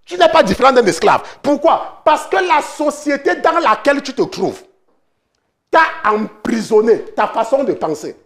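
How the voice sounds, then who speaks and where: Man, pastor, sermon, high-pitched, very lively delivery, repeats for emphasis. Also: moderate pace, gravelly. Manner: preaching with emphatic repetitions, acts out a phone call. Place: church or online study.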